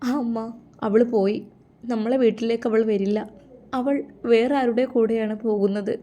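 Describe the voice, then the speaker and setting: A woman doing a grieving young husband, pleading, higher than her usual. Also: steady tone, moderate pace, mellow, muffled recording, natural voice. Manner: sobbing, pleading. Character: heartbroken young husband abroad, weeping.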